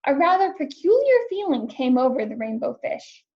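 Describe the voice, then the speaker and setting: A woman narrates a children's story with clear, expressive delivery. Her voice sits high with some vocal fry. The recording is dull and lo-fi. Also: normal speed. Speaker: storybook reader. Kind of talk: children's read-aloud narration.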